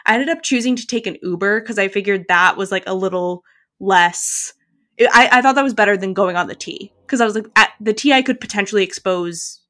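A talkative young woman co-hosting a podcast shares a story animatedly during a casual chat. Her voice sits in the mid-range, her pace is a little fast, and "like" and "literally" pop up frequently.

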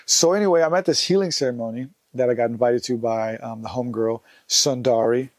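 A man's voice: medium pitch, a little fast, no echo. A young man, telling a story in a casual, rambling, slangy way. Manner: laid-back, rambling, slangy. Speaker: vlogger.

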